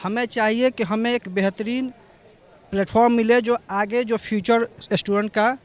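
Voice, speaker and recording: A man's voice: sits high, steady tone, moderate pace, smooth. A young man on a street, earnestly brushing aside party politics in favor of jobs for youth. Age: young adult. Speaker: unemployed young passerby. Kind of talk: street vox-pop opinion.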